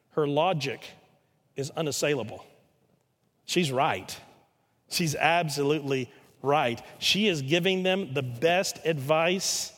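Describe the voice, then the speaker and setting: A man preaching a sermon, retelling a scripture story dramatically with pauses and emphasis. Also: fairly high pitch, a bit bright, long reverb tail. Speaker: pastor.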